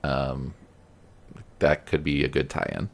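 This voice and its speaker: A man's voice: rumbling low, little pitch movement, slow, creaky. A man co-hosting a podcast, chatting casually and joking, with lots of fillers. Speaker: podcast co-host. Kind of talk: casual chat.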